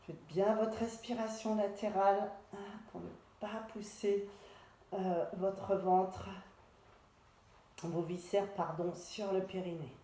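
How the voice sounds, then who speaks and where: A woman guides a pilates session at an unhurried pace, calling out each breath and movement in turn. Her voice rings in a very echoey room. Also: mid-range voice, slight background noise. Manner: calm step-by-step cueing of breath and movement. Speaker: pilates instructor. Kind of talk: guided exercise class instruction.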